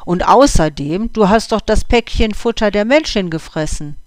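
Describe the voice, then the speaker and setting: A storyteller voicing Oskar, a calm and experienced male house cat who explains things patiently, in a dry recording. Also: mid-range voice, moderate pace, dry recording, lightly acted.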